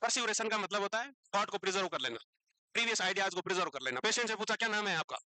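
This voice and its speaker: A man's voice: high voice, animated, fast talker, pushed and bright, dry recording, rough recording. A man teaching a classroom lecture, teasing the students and asking them questions, then repeating the answers himself.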